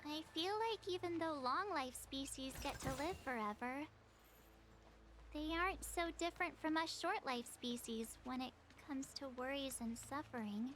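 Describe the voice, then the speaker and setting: An actress playing a perky, earnest young adventurer girl in a video game, with a youthful, informal, expressive delivery. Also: sits high, moderate pace, a little hiss or hum. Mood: curious, thoughtful. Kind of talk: scripted video game dialogue.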